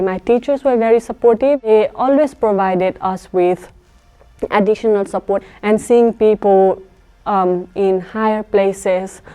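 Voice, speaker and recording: A woman in her twenties from Nepal, a school teacher, giving measured, sincere interview answers. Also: mid-range voice, smooth, phone-quality sound. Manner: measured, sincere, with filler pauses.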